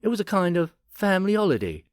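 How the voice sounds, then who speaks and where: A man's voice: high voice, wildly swooping pitch, fast talker, dry recording, clean studio sound, voice pushed up. A man voicing a cheerful, teasing uncle in a storybook reading. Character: jolly joking uncle.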